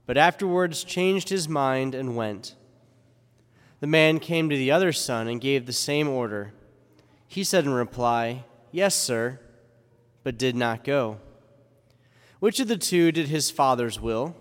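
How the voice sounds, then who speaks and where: A man's voice: mid-range voice, clean tone. A man reading the gospel and preaching a conversational homily, full of rhetorical questions, his voice carrying a cathedral-like echo. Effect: cathedral-like church echo. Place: large church. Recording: long reverb in a large church.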